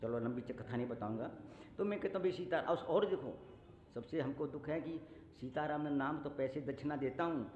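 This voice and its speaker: A male preacher delivers a devotional sermon in an unhurried, homely storytelling way, now and then stretching into slow chanted verses. His voice sits a little high for a man. The sound is dull and lo-fi, carried in a large hall with a long, ringing echo. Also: slight background noise. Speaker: preacher telling the Ramayana.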